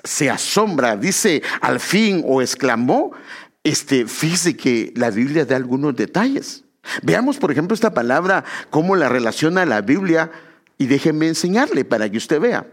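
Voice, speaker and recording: A man from Guatemala with a Guatemalan Spanish accent, preaching a sermon in an animated way, calling his listeners brother and correcting himself as he goes. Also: medium pitch, moderate pace.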